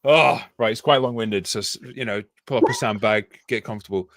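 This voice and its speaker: A man's voice: lowish voice, a little fast, vocal fry, fairly bright tone, dry recording. A man with a Yorkshire accent telling a long, rambling anecdote in casual chat, laughing and swearing often. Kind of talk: casual storytelling.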